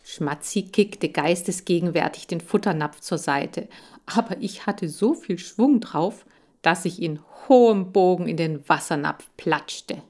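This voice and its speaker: Slow, low-voiced woman reading a storybook. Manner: lively, playful reading. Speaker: audiobook reader. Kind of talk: expressive storybook narration.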